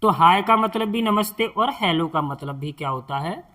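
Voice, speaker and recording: A man's voice: high-pitched, animated, moderate pace, pushed and bright. A man teaching beginners, spelling out words letter by letter and patiently asking the listener questions. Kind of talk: spoken English lesson for beginners.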